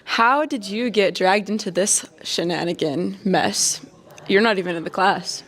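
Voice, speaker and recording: A woman's voice: mid-range voice, unhurried, fairly bright tone. A young woman interviewing classmates in a casual behind-the-scenes chat, upbeat and teasing. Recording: roomy echo with crowd chatter.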